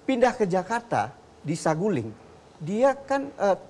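Man, high voice, defense lawyer, insistent, stumbling restarts, tv debate. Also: big pitch swings, unhurried, darkish tone. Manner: insistent, repeats himself, restarts often. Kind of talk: televised debate. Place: tv studio.

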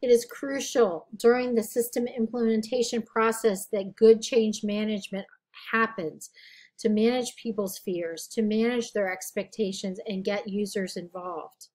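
A woman's voice: medium pitch, steady tone, unhurried, darkish tone. A woman with a scratchy, tired voice teaching a recorded lecture, talking conversationally, correcting herself and asking rhetorical questions. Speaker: college instructor.

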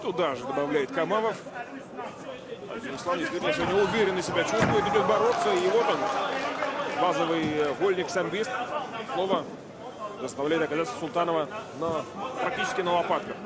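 A man's voice: sits high, fairly quick, long pauses. A man giving live sports commentary as the lead commentator on a fight. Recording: loud crowd and music behind. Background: noisy arena crowd and music.

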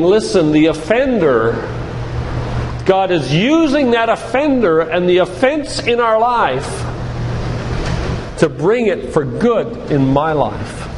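Speaking live in a reverberant church hall, an older male physician and lay preacher delivers a lecture in the style of a sermon, quoting scripture. His voice is high and a little mellow, and he teaches deliberately and emphatically, repeating phrases. Background hiss runs under the recording.

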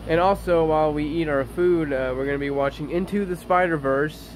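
A man's voice: on the high side, fairly quick. A young man in his twenties talks cheerfully to a phone held at arm's length, wandering from point to point with plenty of "uh"s. The recording has plain background noise from outside. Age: 20s. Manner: upbeat, rambling with many fillers. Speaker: vlogger. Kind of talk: casual vlog chat. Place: outdoors beside a house, and a kitchen. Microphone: handheld phone camera at arm's length. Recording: noisy outdoor phone recording.

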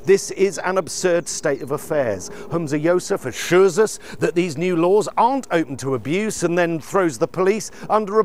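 A man delivering a comedic political rant as a satirical news reporter, exasperated and sarcastic. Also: high voice. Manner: exasperated and sarcastic, building to outbursts.

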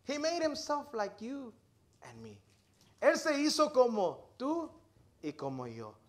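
Preacher, male, very high register, energetic bilingual sermon delivery, calls listeners "hermano". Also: measured pace. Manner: switches between English and Spanish line by line, calling out "hermano"; energetic, rising loud on key words, then dropping to low asides. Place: church service.

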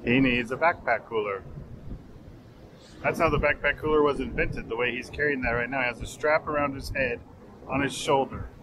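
A man's voice: mid-range voice, moderate pace, noisy background. Joking man on a beach vlog. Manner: chatty, joking tour-guide talk. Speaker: travel vlogger. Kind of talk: casual travel vlog. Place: outdoors at a beach and in a car.

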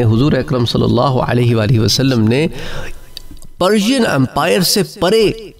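Man giving a conversational religious lecture. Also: medium pitch. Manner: explanatory, conversational, addresses listeners as brother. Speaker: Islamic preacher.

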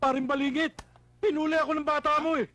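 A man's voice: extremely high pitch, flat delivery, fast talker, bright, forceful tone, no room sound. A man playing an indignant male bank manager in a slapstick comedy, complaining after a wrongful arrest.

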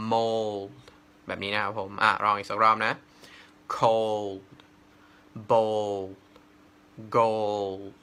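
A man teaching English pronunciation, his voice very bright and forceful. He stretches each model word out slowly and says it several times. Between the words he gives patient explanations. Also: on the low side. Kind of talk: pronunciation lesson.

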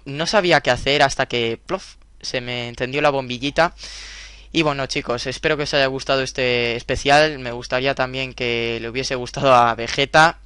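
A man's voice: mid-range voice, sharp tone, smooth, dry recording. A man with a Spain Spanish accent speaking casually to his subscribers, earnest and a little rambling. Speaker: youtuber host. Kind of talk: casual thank-you address to subscribers.

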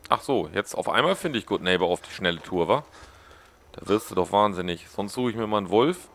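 A man's voice: on the low side, expressive, brisk, fairly bright tone. A man giving casual gameplay commentary as a let's play host, joking and mocking the characters on screen.

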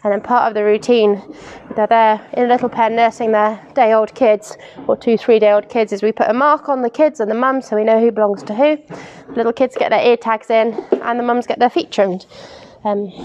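A woman's voice: fairly high pitch, darkish tone, lo-fi sound, slight background noise. Young woman livestock keeper explaining farm work. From England. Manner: practical, explains while working, frequent "um". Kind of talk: casual farm demonstration. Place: outdoor paddock and large open farm barn.

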